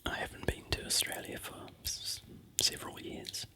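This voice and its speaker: Whispering gently and without hurry from start to finish, this vlogger from New Zealand talks over a travel slideshow in a New Zealand accent.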